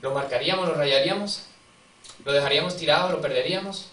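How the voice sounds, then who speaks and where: A man's voice: fairly high pitch, fast talker, a bit bright. A man preaching a sermon with a conversational, storytelling manner, asking his congregation questions and acting out what people said. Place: church. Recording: distant mic in a reverberant church, faint ambience.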